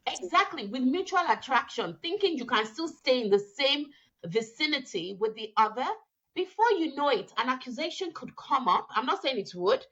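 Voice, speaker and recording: A woman's voice: sits high, very animated, moderate pace, a bit bright, highs cut off. A woman from Nigeria co-hosting a casual chat, making earnest points and drawing on the Bible. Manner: earnest, preachy, cites the Bible. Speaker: co-host.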